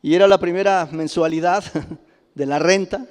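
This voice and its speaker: A middle-aged man with a Mexican Spanish accent preaching a sermon, telling personal stories with frequent chuckles and loud exclamations. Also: high-pitched, normal speed, smooth. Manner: animated, chuckles often, rises to loud exclamations. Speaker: pastor. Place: church sanctuary. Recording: reverberant church hall.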